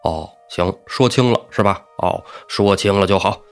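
A man's voice: fairly low pitch, normal speed, clean tone, soft background music, lightly acted. A man voicing a drunken, fearless warrior who barks curt commands. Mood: gruff threats.

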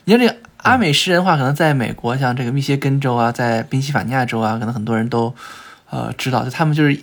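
Fast-talking, husky-voiced male podcast guest. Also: medium pitch. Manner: animated, lively retelling with frequent filler sounds and restarts. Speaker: guest traveler and researcher. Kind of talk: conversational storytelling in a podcast interview.

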